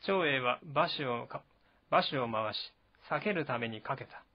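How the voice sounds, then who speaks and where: Man, reading a historical novel aloud at first sight, steady and even, occasional restarts, mid pitch, dull lo-fi recording. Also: a little slow.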